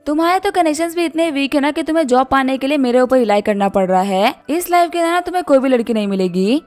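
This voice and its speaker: A woman's voice: high-pitched, expressive, fast, darkish tone, soft background music. A woman voicing a scornful young woman who sneers at her ex in a manga recap. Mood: sneering. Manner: sneering, contemptuous.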